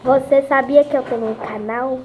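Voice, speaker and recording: A woman's voice: high voice, fairly even intonation, moderate pace, phone-quality sound, slight background noise. A woman hosting a gaming channel, chatting casually to viewers at home and repeating her phrases as she plays. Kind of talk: casual gameplay commentary. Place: at home, family nearby.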